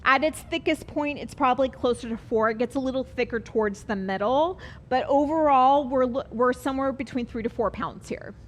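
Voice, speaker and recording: Chatty cooking teacher lady, high voice, talks while she cooks, bit of noise. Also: a little fast, hardly any pauses. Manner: chatty, upbeat, explains as she works. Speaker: cooking class instructor. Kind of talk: live online cooking class.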